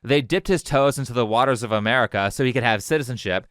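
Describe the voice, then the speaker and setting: Crisp, dry-voiced scornful male narrator. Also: mid-range voice, quick pace, fairly bright tone, no room sound. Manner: sarcastic, scornful delivery. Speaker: commentary host. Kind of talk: scripted commentary narration.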